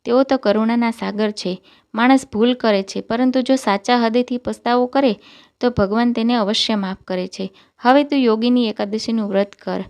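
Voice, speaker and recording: Serene, compassionate old sage man, voiced by a woman, gentle instructive storybook reading, smooth tone. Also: a little high, normal speed, lightly acted.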